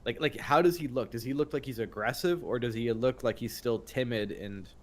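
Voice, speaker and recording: A man's voice: medium pitch, fairly quick. A man playing a tabletop game, speaking hesitantly with many fillers. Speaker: player. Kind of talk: casual tabletop play.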